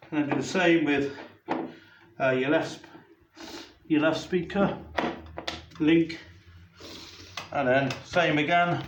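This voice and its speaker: The voice is a little high, belonging to a DJ demonstrating something casually while working with his gear; he rambles and keeps restarting sentences. A camera operator is in the room with him. It's roomy, slightly dull home video audio with a noisy background.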